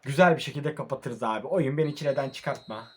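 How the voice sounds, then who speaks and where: A young man, sleepy late at night, commentating his own football video game match in a casual way, calm one moment and frustrated the next. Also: mid-range voice, fairly quick, slightly rough. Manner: casual, swings between calm murmuring and frustrated outbursts. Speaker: mobile football gamer. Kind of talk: live match commentary while playing.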